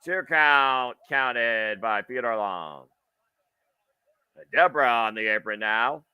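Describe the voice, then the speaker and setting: Bright-voiced male wrestling commentator. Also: on the low side, slow pace, smooth, no room sound.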